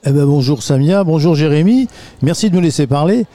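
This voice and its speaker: Guy teaching aikido, talks it through patiently, warm mellow tone, slightly high. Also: lively intonation, fairly quick, dry recording. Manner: patient, explanatory. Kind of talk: radio interview. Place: community hall.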